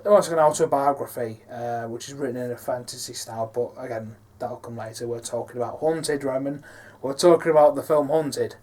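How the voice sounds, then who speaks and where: A man's voice: mid-range voice, brisk, few pauses, a little mellow. A man talking casually about his films, rambling and hesitant, with many fillers. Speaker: filmmaker. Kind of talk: casual behind-the-scenes talk.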